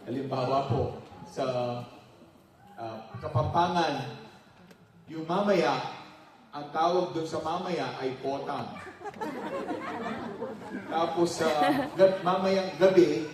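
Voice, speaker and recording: A man pastor telling jokes at a church anniversary, laughing often and jumping into high voices for characters. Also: slow, pauses often, some chatter behind. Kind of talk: joke-telling during a church anniversary talk. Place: large church hall. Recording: distant mic in a very echoey hall.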